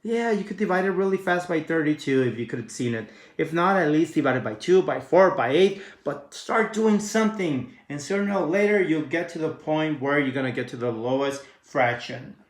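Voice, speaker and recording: A man teaches a math lesson in a casual, friendly way, talking to his students as guys and walking them through each step. He keeps asking quick questions and answering them himself. His voice sits a bit high, and the room around him rings with echo. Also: animated. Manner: casual, addresses viewers as guys. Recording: echoey room.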